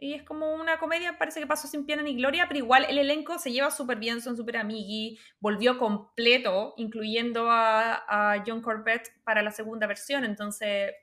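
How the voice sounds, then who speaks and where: Chilean woman hosting a podcast, chatty, throws in english words, voice on the high side. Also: fairly even intonation, moderate pace, hardly any pauses, a bit bright. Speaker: podcast host. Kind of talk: casual chat about a film.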